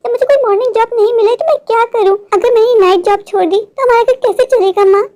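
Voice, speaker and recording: In this storybook drama, a woman plays a stubborn young office worker who pleads and frets, close to tears. Her voice sits very high. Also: quick pace, dark tone. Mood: arguing. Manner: pleading and anxious, often near tears. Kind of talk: storybook voice acting.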